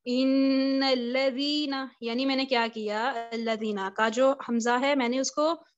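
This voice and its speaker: A woman's voice: a little high, fairly even intonation, moderate pace. A woman teaching a live online class on Quran recitation. She explains step by step and often puts questions to her students. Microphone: video call. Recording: lo-fi video call audio.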